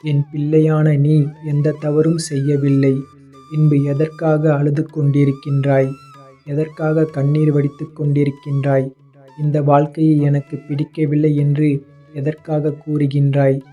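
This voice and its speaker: A man speaks as a kindly father god, reassuring a grieving devotee as his child. The voice is deep-toned and mellow, read in an almost unvarying line, with soft instrumental music faintly underneath. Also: monotone, unhurried, highs cut off. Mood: consoling. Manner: tender, reassuring, calls the listener his child. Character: gentle divine father god consoling a devotee. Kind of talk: scripted devotional address.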